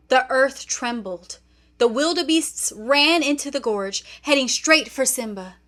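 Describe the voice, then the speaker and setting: Here a woman's high voice carries a children's read-along storybook, told with expressive, deliberate storytelling.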